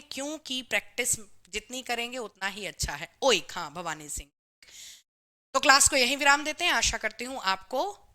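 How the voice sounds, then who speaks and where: With a sharp, fairly high voice, a woman leads a live online chemistry class, explaining each step in turn. She picks up students' comments, reads them out, and replies, peppering her speech with "theek hai" and "bhai."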